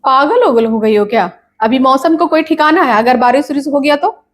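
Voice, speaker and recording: A woman playing a complaining, scolding mother in a comedy sketch, nagging in quick bursts. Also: high voice, lightly acted.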